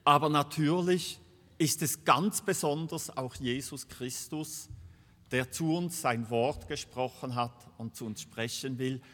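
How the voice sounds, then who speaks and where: A man preaching a sermon in a slow, deliberate way, repeating key words for emphasis. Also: medium pitch, fairly bright tone. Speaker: pastor. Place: church. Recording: long reverb of a church hall.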